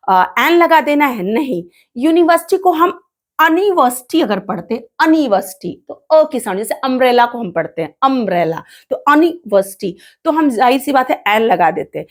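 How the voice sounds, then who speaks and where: Fairly high-voiced woman teaching grammar. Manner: repeats words slowly to drill pronunciation; asks questions and answers them herself. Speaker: English teacher. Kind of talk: classroom-style grammar lesson.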